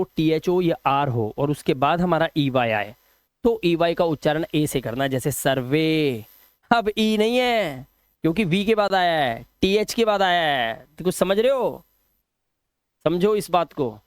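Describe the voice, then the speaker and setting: A man's voice: on the high side, clean tone, dry recording. Man teaching English sounds. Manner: drills word lists, repeats words slowly; chatty asides to viewers. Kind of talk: spoken English lesson.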